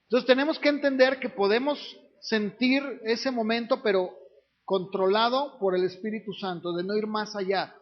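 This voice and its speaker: Man, pastor, sermon, high-pitched, muffled recording. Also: moderate pace. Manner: conversational, asks the congregation questions. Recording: dull lo-fi recording.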